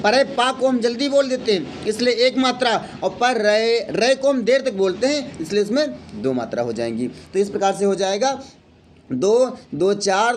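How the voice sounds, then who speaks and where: A man's voice: high-pitched, a little hiss or hum. A male teacher giving a grammar lesson, explaining step by step and counting aloud as he asks and answers his own questions.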